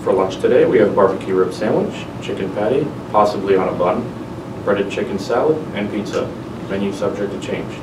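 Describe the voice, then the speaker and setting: A man reading the morning announcements in a steady, plain way, heard through a school loudspeaker. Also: fairly low pitch, a little fast. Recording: echoey, distant, noisy public-address sound.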